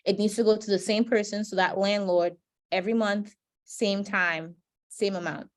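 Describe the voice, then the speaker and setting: A woman's voice: mid-range voice, steady tone, normal speed. A woman from Trinidad teaching budgeting and credit basics in a webinar, explaining step by step and checking in with "right?" as she goes. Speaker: financial educator. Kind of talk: webinar presentation. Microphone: video call.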